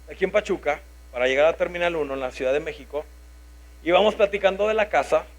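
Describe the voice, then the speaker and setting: This preacher, a man in his thirties with a Mexican Spanish accent, speaks at a fairly high pitch. His sermon centers on a personal story, and he lively voices what he was thinking at the time.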